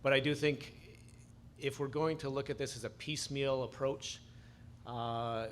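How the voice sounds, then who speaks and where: A man's voice: mid-range voice, steady tone, unhurried, a bit bright, slight background noise. Stammering man at an assembly. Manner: stammering, repeats words often. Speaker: physician delegate. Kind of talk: assembly floor speech.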